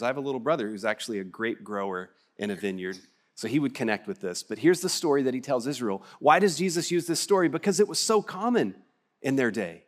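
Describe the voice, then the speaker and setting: A man with a West Texas twang preaching a conversational sermon as a pastor, driving points home with repeated phrases and deliberate pauses. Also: medium pitch. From West Texas, United States.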